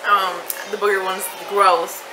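A woman's voice: medium pitch, little pitch movement, a little slow, a crowd in the background. A young woman in casual, giggly, teasing banter as she reacts to eating gross jelly beans. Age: young adult. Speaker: challenge vlogger. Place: home kitchen area, indoors. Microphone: camera or webcam at arm's length. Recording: roomy, noisy home camera audio.

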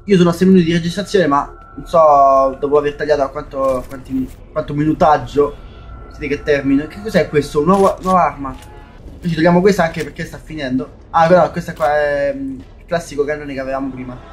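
High-voiced young gamer. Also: male voice, steady tone, fairly quick. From Italy. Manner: swearing, jumpy, talks to viewers as "raga". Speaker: gaming YouTuber. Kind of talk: let's play commentary. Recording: faint game noise and gunfire behind.

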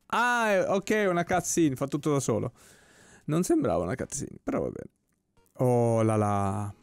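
A man giving casual let's-play commentary, relaxed and puzzled, with joking asides about what happens on screen. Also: a little high, brisk, gravelly, no echo. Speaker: gameplay commentator. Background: soft game music.

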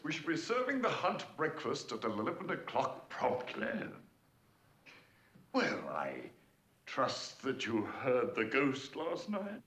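A chuckling plummy English duke. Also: male voice, mid-range voice, huge pitch swings, takes it slowly, fairly bright tone, full character voice. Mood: jovial. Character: jovial older English duke hosting at his castle. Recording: echoey, hissy old TV soundtrack.

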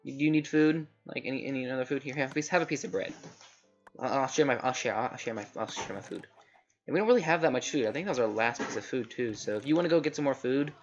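He talks fast in a mid-range, slightly scratchy voice, a young gaming let's play host rambling chattily and correcting himself as he goes. The home recording is a bit dull, with faint noise and faint background music.

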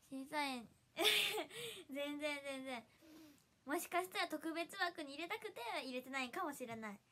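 A giggly young woman with a Hiroshima accent chats on her livestream, reading out viewers' comments. Her voice sits high and sounds bright and sharp. She is bubbly and laughs often between sentences. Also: animated, takes it slowly, long pauses, a little hiss or hum. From Hiroshima, Japan. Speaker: idol livestreamer.

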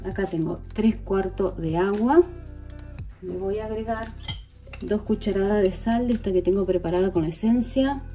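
Working in her home kitchen, a vlogger casually demonstrates how to make liquid soap, chatting directly with viewers as she goes. She speaks at a normal speed in a medium pitch, and music plays in the background.

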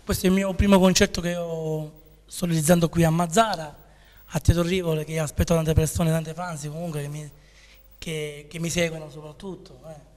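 A middle-aged man talks casually as a guest in an interview. His voice is a little high, on a handheld mic in an echoing TV studio. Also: level tone, moderate pace, darkish tone. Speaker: guest singer. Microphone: handheld microphone. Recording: reverberant TV studio sound.

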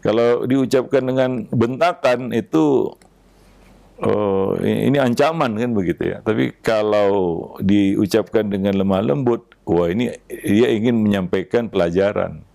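Low gravelly Indonesian preacher. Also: male voice, dark tone, no echo. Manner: unhurried, measured, frequent filler "ya" between phrases. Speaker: Islamic preacher. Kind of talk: religious lecture on parenting.

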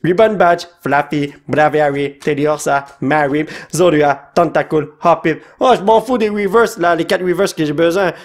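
Excitable high-voiced Quebec French man. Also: moderate pace, few pauses. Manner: excitable, bursts into shouts and laughter, sprinkles English words. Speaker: card-opening channel host. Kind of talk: casual pack-opening commentary.

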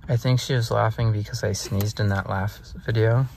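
A man's voice: fairly low pitch, steady tone, moderate pace, creaky, darkish tone, slight background noise. A man chatting playfully in a casual video, recorded inside a parked car. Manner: playful, joking. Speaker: vlogger. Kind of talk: casual chat.

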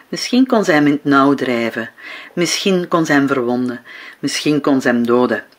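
A woman narrating an audiobook in an unhurried, measured reading voice. She lets the sentences settle with slow pauses and keeps a steady, even delivery throughout. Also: extremely low pitch. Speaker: author reading her own book.

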